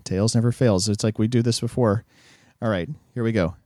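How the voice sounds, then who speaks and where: A man co-hosting a casual sports podcast, relaxed and chatty, with frequent fillers and chuckles. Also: on the low side, brisk, slight background noise. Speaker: podcast co-host.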